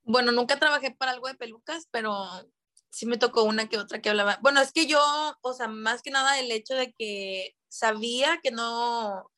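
A woman's voice: on the high side, normal speed, sharp tone. A woman co-hosting a casual podcast, chatty and rambling with many fillers. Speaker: podcast co-host.

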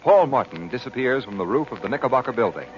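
A man's voice: mid-range voice, lively intonation, quick pace, soft background music. A man working as announcer and narrator of an old radio show, delivering polished, emphatic lines. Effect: old radio show broadcast sound. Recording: dull, lo-fi old radio recording.

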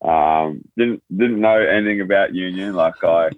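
A man's voice: low-pitched, moderate pace, no echo. A man in his twenties with an Australian accent, a rugby player telling his story in a laid-back, rambling, slangy way. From born in Thailand, raised in rural New South Wales, Australia. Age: 20s. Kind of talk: casual interview chat. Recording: tinny phone-like line, dry.

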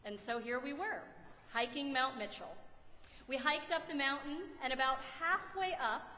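Woman preacher, kinda high voice, telling a story slow and measured, big echoey church sound from a ways off. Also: pushed and bright. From United States. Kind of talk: gospel reading and sermon. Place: large church sanctuary. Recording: echoey church hall from a distance.

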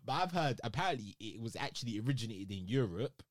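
A man's voice: mid-range voice, expressive, fast, no room sound, studio quality. A young adult man with a London roadman accent, chatting casually with a friend in heavy street slang and often repeating himself. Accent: London, urban street slang.

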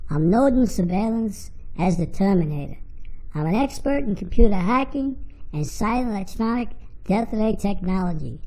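A man's voice: high-pitched, creaky, mellow, low-quality recording. A man voicing a boastful male surveillance hitman who brags and then pities himself. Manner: bragging monologue turning to self-pity.

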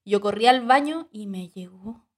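A woman's voice: medium pitch, moderate pace. A woman with a Chilean accent, co-hosting a casual chat. She tells her story expressively and acts out the scenes with gasps. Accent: Chilean Spanish. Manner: expressive, laughs and gasps while acting out scenes. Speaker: podcast co-host.

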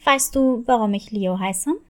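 A woman's voice: fairly high pitch, a little slow, voice pushed down, natural voice. A woman voicing a strong, proud grown male cat who is a loving father, in a children's story. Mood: fatherly. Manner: warm, confident, boastful. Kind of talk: storybook reading.

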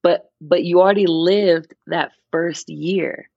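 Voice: mid-range voice, steady tone, takes it slowly, creaky, no room sound, dull audio. A person in their mid-twenties chatting casually on a podcast, rambling and restarting as they explain an idea. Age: 20s. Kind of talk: casual chat.

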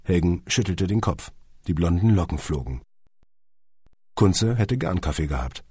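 A man's voice: deep voice, expressive, a little slow, mellow, slightly rough, no echo. A man reading an audiobook in a wry, dryly humorous way, sometimes speaking straight to the listener. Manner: wry, dry humour, speaks to the listener directly. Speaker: audiobook narrator. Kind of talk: scripted audiobook narration.

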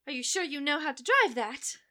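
A woman voicing a sharp, wisecracking female vigilante sidekick in a comic radio play, with a quick, sardonic delivery. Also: high-pitched, expressive. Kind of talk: comic old-time radio play acting.

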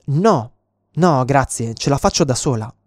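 A man's voice: medium pitch, lively intonation, measured pace, dry recording, clean studio sound. A man reading out the lines of a hesitant woman who politely turns down a stranger's help. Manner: polite, repeated refusals.

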